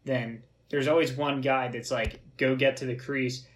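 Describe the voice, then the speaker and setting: A man's voice: medium pitch, steady tone, unhurried. Rambling young man full of fillers. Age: young adult. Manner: rambling, filler-heavy, joking. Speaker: podcast co-host. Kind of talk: casual sports chat.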